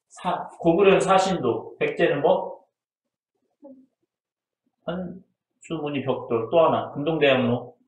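Guy teaching history for a test, chatty, keeps asking stuff then answering it, kinda echoey room. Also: medium pitch. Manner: chatty, asks students questions and answers them himself. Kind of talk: casual exam-prep lecture. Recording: roomy echo.

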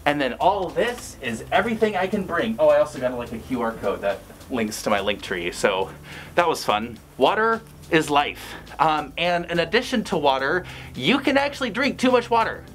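Muffled inside costume head, casual how-to vlog, dry sarcastic asides, lively pitch. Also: moderate pace, slight background noise. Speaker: fursuiter vlogger.

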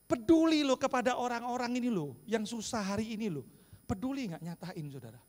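A man preaching a lively sermon, often turning to ask the congregation questions. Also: very high-pitched, a little fast. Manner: animated preaching, calls to the congregation. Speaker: pastor. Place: large church hall. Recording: long church hall reverb.

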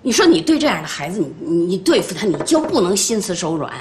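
An actress playing a bossy, sharp-tongued middle-aged grandmother who scolds a small child in a TV drama. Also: mid-range voice, big pitch swings, fast, reverberant, slight background noise, close to an everyday voice. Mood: stern. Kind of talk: TV drama acting.

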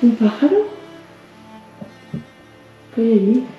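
Woman vlogger, excitable and hushed, dull echoey camera audio with faint music. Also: a little high, takes it slowly. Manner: excitable, exclaims and marvels aloud, often hushed. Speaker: urban explorer host. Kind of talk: casual exploring vlog. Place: inside an abandoned house.

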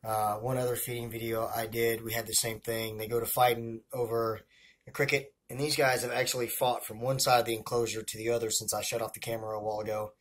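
A man's voice: mid-range voice, little pitch movement, fairly quick, a bit bright, breathy edge. A man with a Southern US accent narrating a casual feeding video as a hobbyist keeper, chatty and rambling, talking to viewers as guys. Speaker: hobbyist scorpion and tarantula keeper.

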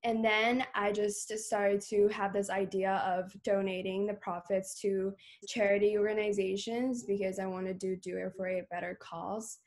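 A woman's voice: mid-range voice, level tone, moderate pace, hardly any pauses. A teenage girl, a student who founded a bakery, speaking casually on a video call from her bedroom, with some hesitant fillers. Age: teens. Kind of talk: casual interview. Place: bedroom at home. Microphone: video call webcam.

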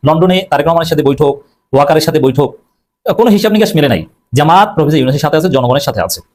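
Man, rapid delivery, slightly raised pitch, emphatic opinionated commentary, fillers, self-corrections. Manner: emphatic, repetitive, combative. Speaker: political commentator.

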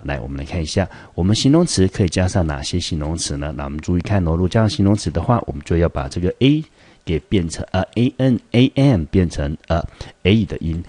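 A man with a Taiwanese Mandarin accent teaching English vocabulary, explaining slowly and stressing key words. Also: deep voice, darkish tone, no echo. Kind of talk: vocabulary lesson.

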